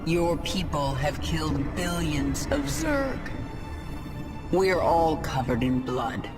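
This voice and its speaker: Ruthless swarm queen for a sci-fi game: cold, commanding, slow delivery over music. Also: deep voice, lively intonation. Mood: grim, defiant. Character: vengeful, ruthless warrior queen of an alien swarm. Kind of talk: dramatic video game acting. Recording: loud cinematic music behind.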